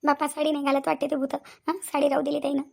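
A woman's voice: high voice, monotone, creaky. A woman playing a fussy wailing village aunt. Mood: lamenting. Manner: fast, wailing, whiny complaining. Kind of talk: cartoon comedy voice acting.

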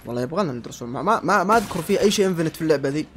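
A man giving let's-play commentary, yelling insults at enemies and then dropping to low muttering. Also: animated, very fast, slight background noise. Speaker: gamer.

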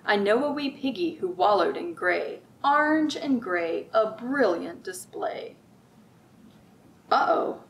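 A middle-aged children's librarian hosts storytime in an indoor library room lined with bookshelves, reading aloud in a medium-pitched voice at a slow pace. She's expressive and sing-song, stretching out the rhymes and asking the young listeners questions. The recording quality is low.

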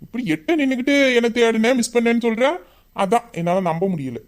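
Brief: an actor voicing a grumbling, lovesick young man in a romantic audio drama, mid-pitched and mock-angry. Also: lively intonation, fairly quick, natural voice. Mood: sulky.

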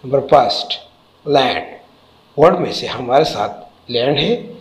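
A man's voice: medium pitch, animated, slow, low-quality recording. A man teaching a textbook lesson, spelling out letters and repeating each word carefully.

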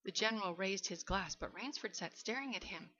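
A woman reading a short story aloud in a measured, steady way. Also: mid-range voice. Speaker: reader. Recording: dull lo-fi recording.

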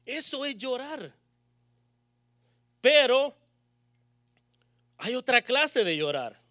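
A male pastor preaching with emphatic force, throwing out rhetorical questions to the congregation. His voice sits very high for a man and rings bright and sharp. The sound is close and dry, with no room echo. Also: very animated, drawn-out words. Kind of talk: sermon.

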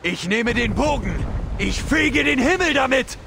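An actor playing a brave, defiant ancient Egyptian warrior in a video game, declaiming solemnly and dramatically. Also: male voice, very high-pitched, expressive, unhurried, vocal fry, noisy background, exaggerated voice. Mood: fierce defiance.

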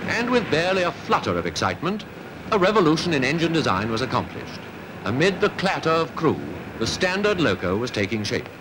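A man, narrating a 1950s newsreel in a crisp, declamatory announcing manner. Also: on the high side, noisy background.

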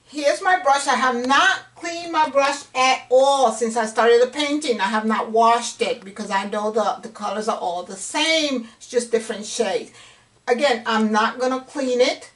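A woman's voice: a little high, a little slow, a bit bright. Chatty woman teaching painting, slightly distant. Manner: encouraging, chatty, drops to whispers while painting. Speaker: painting instructor. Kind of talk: casual painting tutorial. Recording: distant camera mic with faint room noise.

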